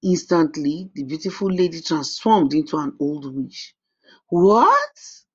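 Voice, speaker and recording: Husky, gravelly storybook narrator. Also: medium pitch, normal speed, warm tone, lo-fi sound.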